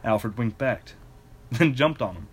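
A man reading a ridiculous fan fiction story aloud in a casual, deadpan way, now and then breaking into laughter. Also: mid-range voice, takes it slowly, breathy edge.

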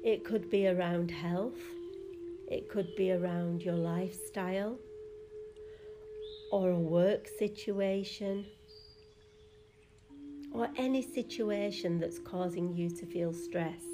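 A woman instructing a guided breathing exercise in a soft, calm, soothing manner, leaving gaps between phrases. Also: fairly low pitch, slow, pauses often, music in the background.

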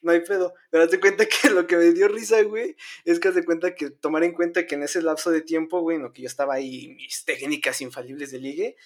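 A young man with a Mexican Spanish accent tells a story in a relaxed, chatty way. His voice sits a little high, and he fills it with slang and self-mockery. He keeps dropping filler words as he talks. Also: quick pace, few pauses. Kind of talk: casual storytelling chat.

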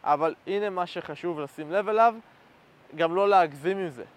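A man giving dating advice straight to the camera. He speaks directly and instructively and keeps checking in with the listener. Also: high-pitched. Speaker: dating coach. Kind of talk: direct-to-camera coaching talk. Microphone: facing the camera.

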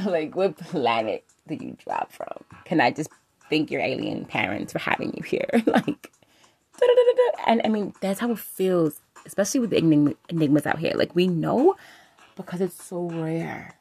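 A woman's voice: low voice, big pitch swings, normal speed, creaky, darkish tone, slightly rough. A woman hosting a podcast, talking about relationships in a candid, rambling way, swearing freely and filling her talk with "like". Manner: loose and rambling, full of "like" fillers. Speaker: podcast host.

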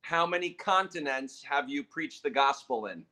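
A man's voice: fairly high pitch, animated, moderate pace, sharp tone. A man co-hosting a podcast in casual, conversational talk with a friend. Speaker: podcast co-host, real estate agent.

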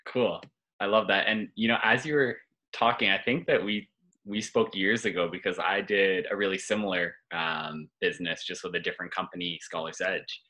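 A man hosts a podcast with a very deep voice that still has a bright, forceful edge. He asks friendly, rambling questions, packing them with fillers as he talks his way toward the point. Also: normal speed, creaky, rough recording. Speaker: podcast host. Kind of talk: casual interview chat.

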